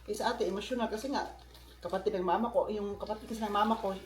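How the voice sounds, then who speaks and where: The voice is male, high-pitched, quick, and fairly even in intonation. He's a Filipino vlogger chatting casually and often breaking off to talk to his audience, recorded with a roomy echo.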